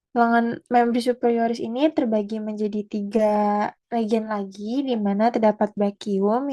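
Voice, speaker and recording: A young woman student presents an anatomy lesson in a halting way, with fillers and self-corrections. Her voice is medium in pitch and mellow.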